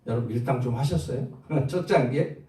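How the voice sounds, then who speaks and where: A male pastor preaching a sermon, asking the congregation questions and answering them, moving between loud exhortation and soft low asides. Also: a little fast. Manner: call-and-response preaching, asks the congregation questions. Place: large church sanctuary. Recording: roomy echo, far from the mic.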